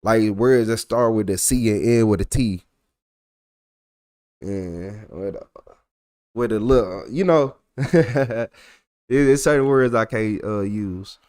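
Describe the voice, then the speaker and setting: This is a young adult man with a thick Texas accent, loosely chatting on a livestream as he reads and reacts to his chat's comments. His lowish voice is a little mellow and slow, with long pauses. It's studio-quality audio without echo.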